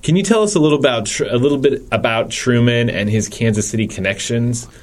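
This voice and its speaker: Man hosting a museum podcast, middling pitch. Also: fast. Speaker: podcast host, assistant museum curator. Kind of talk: scripted intro and casual interview.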